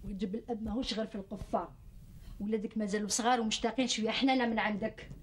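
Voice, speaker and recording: An actress with an Algerian Arabic accent, playing a weary, bitter wife who is complaining in a TV drama. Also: female voice, mid-range voice, fairly even intonation, racing, natural voice. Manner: complaining, reproachful. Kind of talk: TV drama acting.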